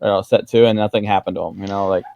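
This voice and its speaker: A man's voice: fairly low pitch, fairly even intonation, very fast, vocal fry, a little mellow, smooth, no echo. A man co-hosting a casual gaming chat, grumbling and rambling with plenty of profanity.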